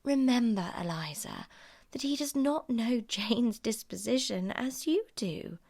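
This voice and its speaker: A woman voicing a pragmatic, guarded young female friend in an audiobook novel, measured and coolly reasoning. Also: on the high side, animated, vocal fry, a little mellow, full character voice. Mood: pragmatic counsel. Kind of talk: audiobook character dialogue.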